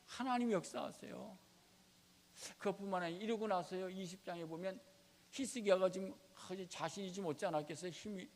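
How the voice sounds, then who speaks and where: 교회 예배당에서 설교하는 남자 목사입니다. 약간 높은 톤에 거칠게 긁히는 목소리로, 회중에게 계속 질문을 던지며 힘주어 말합니다. 넓은 예배당에 잔향이 길게 남습니다. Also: male voice, high voice, a little fast. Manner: emphatic, asks the congregation rhetorical questions. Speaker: pastor. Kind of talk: sermon. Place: church sanctuary. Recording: reverberant church sanctuary.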